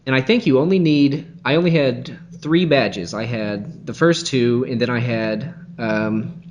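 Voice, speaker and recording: Male podcast guest, halting and methodical, restarts often, mid-pitched, video call sound. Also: muffled recording. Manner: hesitant, many restarts and fillers, methodical. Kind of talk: casual chat.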